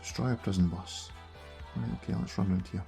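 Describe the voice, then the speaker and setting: Soft music plays beneath a low, dark-toned voice as a fast-talking middle-aged man with a broad Scottish accent streams gameplay. Reviewing a gaming handheld, he offers chatty, self-deprecating live commentary.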